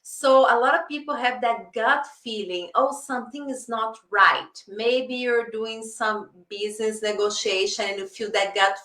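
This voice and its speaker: A woman life coach talks earnestly in a casual teaching monologue, her carrying a lilt. Her voice is bright and forward, and she now and then acts out her own inner dialogue. She sounds set back from the microphone in a roomy, echoing space. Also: mid-range voice. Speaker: life coach hosting a live stream. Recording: echoey room, voice from a distance.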